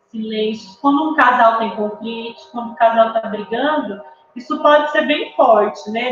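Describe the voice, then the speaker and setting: A woman giving a recorded psychology lecture, explaining step by step with lots of tag questions and lists of examples. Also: fairly high pitch. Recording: very roomy, dull lo-fi sound with faint room noise.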